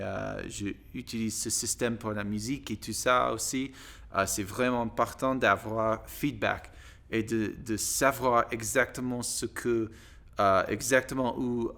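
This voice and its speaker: A man from the United States with an American accent, a native English speaker, talking casually as a learner in halting, broken French with searching pauses and grammar slips. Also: fairly low pitch, a bit bright, clean tone. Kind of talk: casual monologue to camera in a second language.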